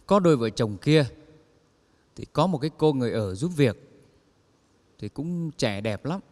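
A man's voice: mid-range voice, unhurried. A man telling funny stories on stage and acting out the people in them. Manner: lively storyteller acting out quoted characters. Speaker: comedian telling jokes on stage. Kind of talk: stand-up joke telling. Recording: long hall reverb.

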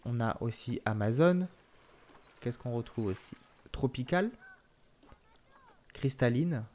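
A man hosting a relaxed game walkthrough, explaining features with many filler pauses. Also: medium pitch, slight background noise. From France. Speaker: gaming video host.

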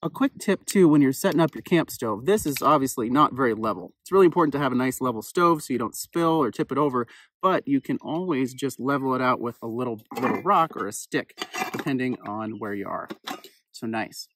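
A man's voice: medium pitch, brisk, fairly bright tone, slight background noise, rough recording. A man in his thirties, a chef giving a casual, chatty outdoor cooking demonstration while sitting on a rock in open grassland. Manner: upbeat, chatty, easygoing.

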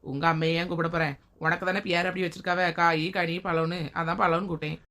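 A woman talks very fast in a family comedy skit. She plays a sister-in-law who grumbles and makes sarcastic asides. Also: on the low side, steady tone, a bit bright. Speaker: comedy sketch performer.

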